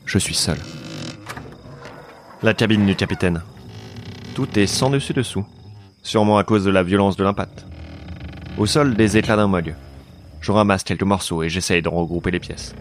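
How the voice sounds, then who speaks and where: A man's voice: sits low, moderate pace, pauses often, a little hiss or hum. A man giving earnest, dramatic first-person narration for a scripted audio drama. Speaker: narrator and lead actor.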